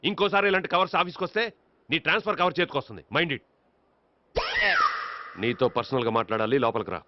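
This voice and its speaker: A man's voice: on the high side, fast talker, lo-fi sound, background noise, lightly acted. An actor playing a stern, bossy male office manager who scolds and threatens his staff. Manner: scolding, commanding.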